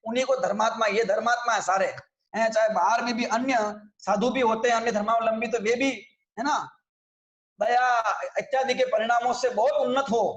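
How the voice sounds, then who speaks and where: A man's voice: very high-pitched, steady tone, moderate pace, echoey room, highs cut off. A man teaching a religious scripture class, explaining in a conversational way and often checking that his listeners follow.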